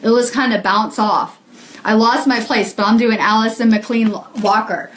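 A woman's voice: fairly high pitch, fairly even intonation, moderate pace, a bit bright, echoey room. A woman healer talking casually to viewers on a live video, earnest and rambling with many ums and frequent laughs.

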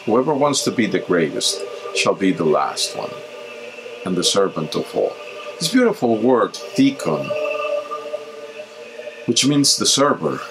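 A man in his fifties, a deacon, reading the gospel and giving an earnest, measured homily from a small home chapel, with occasional halting restarts. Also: low voice, low-quality recording.

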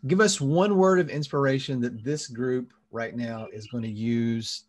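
A man's voice: mid-range voice, measured pace. Guy hosting an online show on a video call, laid back, lots of uhs. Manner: relaxed, with many "uh" fillers. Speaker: host.

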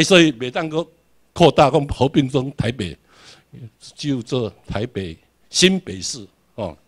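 A man lectures a classroom with a Taiwanese Hokkien accent, his voice sitting a little high for a man. He repeats himself often, hammers home each point and makes the class say English words back to him. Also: a bit bright. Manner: repetitive, emphatic, drills English words.

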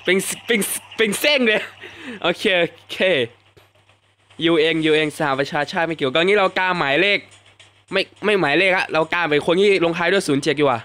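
Young male streamer, bright tense voice, a bit high, excitable commentary, casual swearing. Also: fairly quick. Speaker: gaming YouTuber. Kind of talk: live gameplay commentary. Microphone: desk mic at home, fan noise behind.

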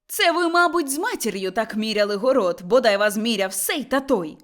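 Woman reader doing a loud scolding village wife, high and shrill, pitch all over the place. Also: sing-song, moderate pace. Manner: shouting, scolding. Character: quarrelsome young village wife, shrill and combative.

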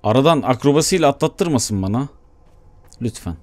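A man giving Let's Play commentary, chatting to himself as he plays and bursting into excited shouts. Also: mid-range voice, normal speed. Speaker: gaming YouTuber.

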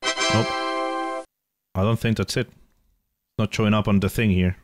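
A man's voice: on the low side, fairly even intonation, a little slow, faint music behind. A man talking casually on a live stream, exasperated and swearing while he wrestles with screen settings. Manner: exasperated, swears, grumbles about tech trouble. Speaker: game streamer.

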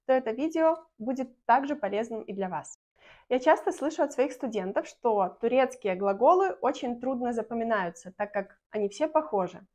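A young woman from Belarus teaching a language lesson to camera in a small room, speaking clearly and patiently and slowing down to model example sentences. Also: a little high, a little mellow.

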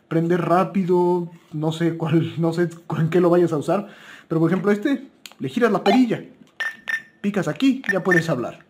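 A man with a Mexican Spanish accent offers buying tips in a chatty, informal, unscripted way, correcting himself as he talks. His voice is high-pitched and a little mellow.

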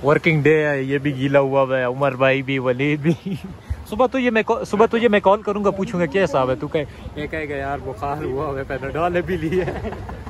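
A young man from Pakistan talks excitedly into a phone held at arm's length as he hikes down to a waterfall. His voice sits fairly high for a man. A busy crowd of hikers can be heard clearly behind him outdoors. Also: moderate pace. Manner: chatty, excitable, often laughing. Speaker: vlogger. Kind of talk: casual travel vlog narration. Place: outdoors on a forest trail and at a waterfall.

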